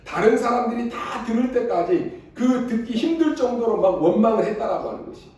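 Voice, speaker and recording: High-voiced pastor in an echoing hall. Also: male voice, expressive, brisk, a little mellow. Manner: emphatic, repeated rhetorical questions to the congregation. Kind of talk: sermon. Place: church sanctuary. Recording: very echoey church hall, voice far from mic.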